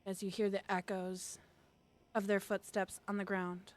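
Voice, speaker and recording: Slow-paced woman running a tabletop game. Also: mid-range voice, flat delivery. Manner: unhurried, descriptive storytelling. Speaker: game master.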